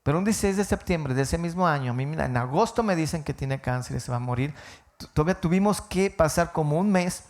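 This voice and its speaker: A man's voice: a little high, lively intonation, fast. A man, a pastor preaching a sermon and telling a personal story with emotional rises and falls. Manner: emotional storytelling, voice rising and falling.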